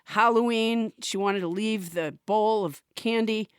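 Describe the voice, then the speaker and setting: A woman's voice: medium pitch, a little slow, smooth, no room sound. Wry woman comedian, dry close sound. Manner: rambling, wry, deadpan jokes. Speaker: comedian host. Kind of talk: comedy podcast banter.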